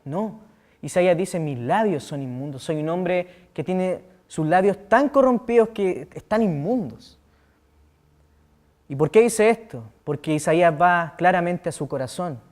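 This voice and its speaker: A young Chilean man preaching a youth sermon, animated, acting out quotes with loud outbursts and quiet asides. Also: high voice, measured pace.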